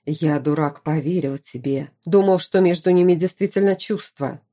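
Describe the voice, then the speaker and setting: A woman's voice: deep voice, moderate pace, mellow. A woman voicing a stern, commanding middle-aged duke and father in an audiobook. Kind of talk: audiobook character reading.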